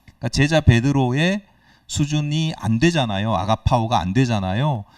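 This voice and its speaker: A male pastor preaches in a church sanctuary, posing questions to the congregation and acting out quoted dialogue as he explains. His voice is medium-pitched at a normal speed. The recording is dry, with no echo, and he stands away from the mic.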